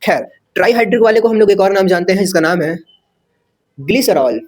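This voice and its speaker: A man's voice: sits high, expressive, brisk. A man. He talks in a chatty way, throws rhetorical questions at his students and corrects himself as he writes. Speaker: teacher. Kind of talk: casual chalkboard lecture.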